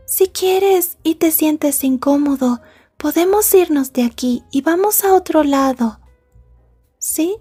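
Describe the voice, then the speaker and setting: In a Spanish-language ASMR roleplay, a woman acts as a possessive yet polite young yandere girlfriend, speaking in a prim, wordy, softly menacing and coaxing way. Her voice is high-pitched.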